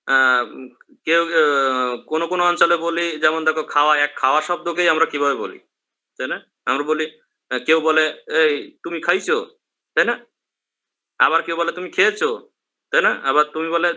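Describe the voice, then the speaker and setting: A man's voice: a little high, normal speed, long pauses, sharp tone, lo-fi sound. A man from Bangladesh, a teacher giving a class lecture and checking in with his students through questions.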